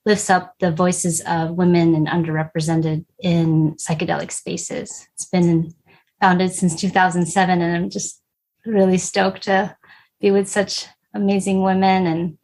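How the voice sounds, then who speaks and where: A woman's voice: lowish voice, little pitch movement, a little slow. A woman from Texas talking enthusiastically as a podcast guest in a casual conversation. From Texas, USA. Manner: warm, enthusiastic, chatty.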